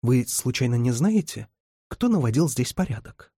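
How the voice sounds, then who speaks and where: A man's voice: medium pitch, very animated, normal speed, mellow, slightly rough, no room sound, studio quality. A man reading the lines of a spirited, teasing young woman in an audiobook, lifting his voice somewhat for her.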